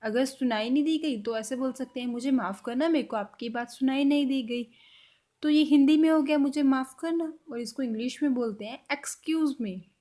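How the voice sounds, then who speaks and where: A woman with a high, light voice gives a spoken language lesson. She says each example phrase slowly and with care, then lets her voice sink quietly as she wraps up each point. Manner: drops to a quiet close at the end of each point. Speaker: language teacher.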